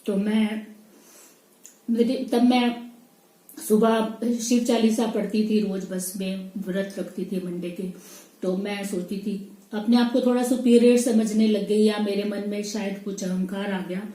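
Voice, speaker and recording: Middle-aged woman chatting through a personal story, soft mellow voice, roomy echo. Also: mid-range voice, fairly even intonation, measured pace. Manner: conversational, quotes her own inner thoughts. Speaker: vlogger.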